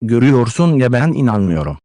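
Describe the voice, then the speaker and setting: A man's voice: medium pitch, very animated, fairly quick, mellow, no echo, close to an everyday voice. A man voicing a distraught, consumptive widowed mother who pleads and scolds with emotional declamation, in a dry close-miked audiobook read. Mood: anguished.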